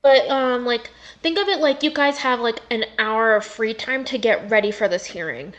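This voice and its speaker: A woman's voice: on the high side, moderate pace. A woman running an online tabletop game as game master, talking in a valley-girl way with lots of "like".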